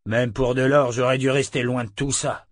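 A man doing a gruff, grumbling giant coachman. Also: mid-range voice, flat delivery, normal speed, no echo, clean studio sound, close to an everyday voice. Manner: grumbling, exasperated. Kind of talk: audiobook character voice.

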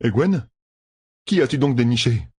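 A man voicing a confident young swordsman in an audiobook, brisk and offhand. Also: mid-range voice, animated, a little mellow, slightly rough, pitched above the performer's own voice. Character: confident young male swordsman, matter-of-fact. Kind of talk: audiobook character voice.

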